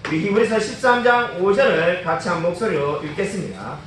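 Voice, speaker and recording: A man's voice: high voice, lively intonation, fairly quick, fairly bright tone, slight background noise. A man preaching a sermon as a pastor in a church, with emphatic delivery and many rhetorical questions. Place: church sanctuary. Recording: echoey church, mic at a distance.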